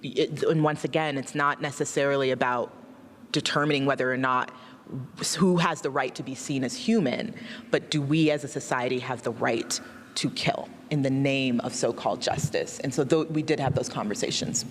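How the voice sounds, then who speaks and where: A woman in her thirties, a film director born in Nigeria and raised in Alaska, USA, answers interview questions earnestly and reflectively, often laughing softly. Her voice rumbles low at normal speed. The audio has a long reverb tail and a little hiss or hum.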